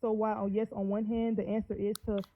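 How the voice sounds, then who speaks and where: A woman's voice: mid-range voice, little pitch movement, quick pace. Woman heard muffled, as if through a wall. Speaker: live-stream discussion participant. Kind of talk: heated group debate.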